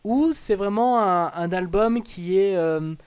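A man's voice: high-pitched, takes it slowly, darkish tone, clear, resonant tone. A man hosting a casual music chat show, hesitant and repeating words as he leads the talk. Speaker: host.

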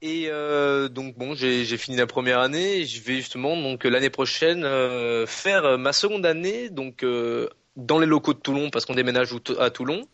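A man's voice: mid-range voice, moderate pace, fairly bright tone, no room sound. Hesitant young man on a dull call. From France. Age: young adult. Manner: hesitant, many fillers, laid-back. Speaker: guest. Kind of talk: casual chat over a call.

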